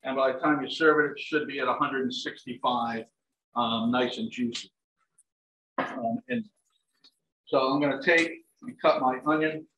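Turkey sizzles in a pan as a middle-aged chef, also a dining services director, calmly explains each step of a live demo in a big home kitchen, saying "um" and "like I said" a lot. His mid-range, creaky voice at normal speed is recorded from a fixed camera across the counter, sounding distant and echoey with faint hiss.

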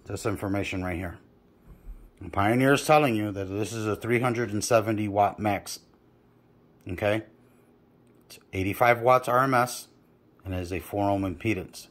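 A blunt car audio installer talks through speaker wiring in casual workshop chat, swearing freely as he tells the story. His voice sits a little low, at a moderate pace with long pauses.

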